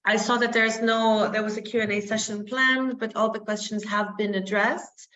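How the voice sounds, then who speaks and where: A woman moderates a webinar over a video call, handing over to speakers politely with a few hesitations. She speaks in a level, flat tone. The call sounds muffled and echoey, with a faint hiss behind her. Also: medium pitch, normal speed. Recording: echoey dull call audio with faint noise.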